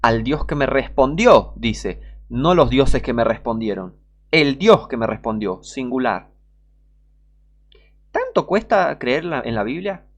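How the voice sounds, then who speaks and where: A man's voice: medium pitch, lively intonation, slow pace. Emphatic scolding Rioplatense preacher man. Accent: Rioplatense Spanish. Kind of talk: online sermon.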